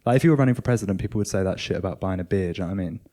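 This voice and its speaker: Man, podcast host, slightly low voice, dry teasing humor, casual. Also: very fast, mellow. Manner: teasing, dry, crude jokes.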